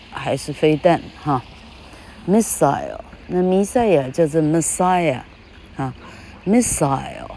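Chatting casually as an English teacher, a woman with a Taiwanese Mandarin accent speaks in a low, warm voice, often laughing and spelling words out slowly. There's a slight hiss or hum in the recording.

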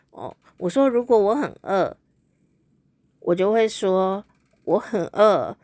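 A woman's voice: mid-range voice, lively intonation, takes it slowly, mellow, no room sound, clean studio sound. A woman hosting a podcast, telling a story in a chatty, playful way and laughing often. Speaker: podcast host. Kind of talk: casual storytelling monologue.

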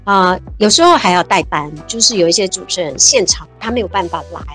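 This Taiwanese civil servant, in her 50s, is a chatty, animated interview guest who laughs easily and peppers her speech with fillers. She speaks briskly with a fairly low pitch, and soft music plays in the background.

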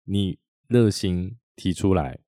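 A man from Taiwan with a Taiwanese Mandarin accent, hosting a podcast and telling a story in a chatty way with many drawn-out tag particles. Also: deep voice, warm tone, no room sound, clean studio sound. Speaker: podcast host. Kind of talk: casual storytelling monologue.

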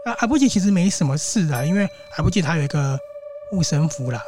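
A man hosting his own show tells a ghost story in a loose, chatty, animated way, with frequent asides to his listeners. His accent is Taiwanese Mandarin, and background music plays under his voice. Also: on the high side, quick pace. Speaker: host and storyteller. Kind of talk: casual ghost-story telling.

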